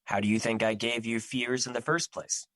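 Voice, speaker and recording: An actor in an audio drama playing Fear personified, a solemn, protective immortal who speaks formally and earnestly, full of remorse. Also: male voice, medium pitch, flat delivery, normal speed, a bit bright, dry recording, close to an everyday voice. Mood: calm, reassuring. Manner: formal, stilted, earnest phrasing without contractions.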